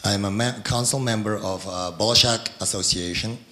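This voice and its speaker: A man's voice: on the low side, normal speed, bright, forceful tone. A young man from Kazakhstan with a Kazakh accent, asking an earnest, insistent question at a public forum.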